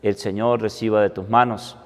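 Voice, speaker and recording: A man, a priest, giving a measured homily and leading prayers at Mass, his voice carrying a long church hall reverb. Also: lowish voice, level tone. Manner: slow, measured preaching with emphatic rises. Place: large church.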